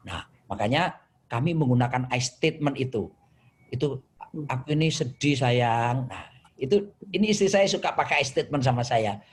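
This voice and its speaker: A man, a pastor, answering live questions about marriage conflict in a lively, storytelling way, acting out quarrels and quoting scripture. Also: mid-range voice, husky. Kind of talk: answering questions in an online session.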